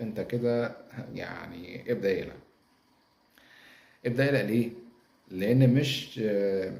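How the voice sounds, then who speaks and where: A man's voice: fairly low pitch, mellow. A man with an Egyptian accent hosting a casual religious reflection, talking in a conversational way and often repeating his phrases. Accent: Egyptian Arabic. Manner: conversational, acts out smug voices, repeats phrases. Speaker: host. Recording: echoey room.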